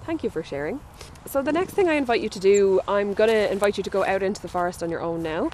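A woman's voice: mid-range voice, animated, fast talker, a little mellow. A woman speaking outdoors as a nature guide, explaining things reflectively. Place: outdoors in a forest. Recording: faint outdoor ambient noise.

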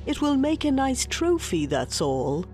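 A woman's voice: sits high, very animated, measured pace, dark tone, faint music behind, pitched above the performer's own voice. A woman voicing a proud, scornful enemy king in a storybook tale. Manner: scornful, boastful.

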